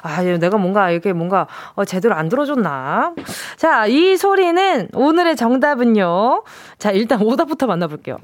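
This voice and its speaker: A woman's voice: medium pitch, expressive, no room sound. A woman radio DJ in a studio, playfully chatting and reading out listener messages. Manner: playful, chatty, reads listener texts with quick reactions. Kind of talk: casual radio show chat. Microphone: studio mic.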